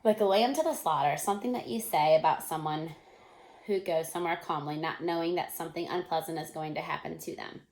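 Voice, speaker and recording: A woman's voice: low voice, fairly quick, darkish tone, roomy sound. A woman teacher reading a children's novel aloud, with casual asides and self-corrections.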